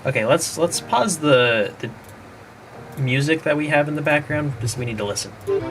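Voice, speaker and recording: A man's voice: on the high side, animated, normal speed, noisy background. A man developing a game, casually talking himself through playtesting and trailing off mid-thought. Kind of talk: casual think-aloud dev stream. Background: background music.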